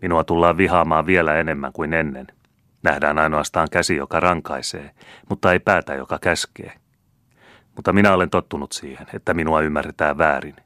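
Guy reading as a cold strict steward, grim and firm, super deep voice. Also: steady tone, a bit bright, dry recording, studio quality. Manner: grim, secretive. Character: stern, secretive estate steward.

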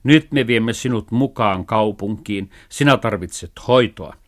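A man voicing a kind mother in a children's story reading, speaking calmly and reassuringly. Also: lowish voice, lightly acted. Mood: caring.

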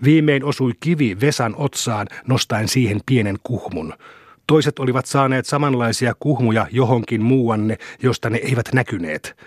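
A man reading an audiobook in steady storybook narration. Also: medium pitch, dry recording, clean studio sound. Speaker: audiobook reader. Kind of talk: scripted narration.

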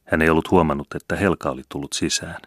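A man reading an audiobook in measured, even storytelling. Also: very deep voice, no echo, studio quality. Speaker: audiobook reader. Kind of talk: audiobook narration.

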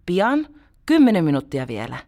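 A woman reading a storybook, voicing a busy working mother who gives calm, patient, practical instructions. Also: lowish voice.

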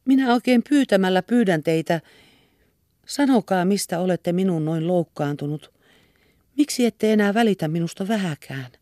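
A woman's voice: lowish voice, animated, mellow, no echo, studio quality, voice pushed up, lightly acted. A woman reader voicing an anxious young woman who pleads tenderly and earnestly. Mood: pleading. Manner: earnest and imploring.

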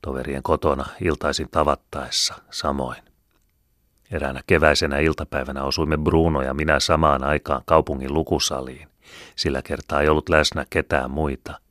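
A man reading a first-person story aloud in a measured, solemn, reflective way. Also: very deep voice, flat delivery, a bit bright, no echo, studio quality. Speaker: audiobook narrator. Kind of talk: scripted first-person narration.

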